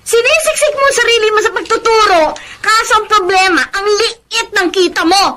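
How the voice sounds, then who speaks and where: With an extremely high-pitched voice at normal speed, a woman with a Filipino accent plays a shrill, nagging, defiant wife in a radio drama. Angry and scornful, she quarrels over money amid heavy background noise.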